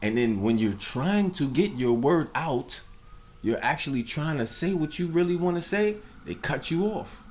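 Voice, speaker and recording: A man's voice: on the high side, expressive, moderate pace, a little mellow. A man hosting a reaction video, giving casual commentary in an emphatic, preachy way.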